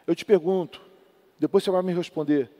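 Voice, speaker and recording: A male pastor preaching a sermon from Brazil, swinging between loud exhortation and soft storytelling. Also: high-pitched, steady tone, a little fast. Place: large church hall. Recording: long church hall reverb.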